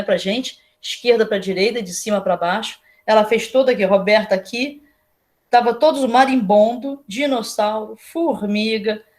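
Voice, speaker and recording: Brazilian woman lecturing with a higher voice. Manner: casual, explanatory, rhetorical questions to students. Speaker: university lecturer. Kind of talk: online class lecture.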